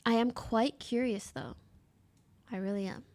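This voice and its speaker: A woman's voice: a little high, steady tone, measured pace, darkish tone. A woman in her twenties from Canada, a streamer chatting bluntly and casually while reacting to clips and reading chat.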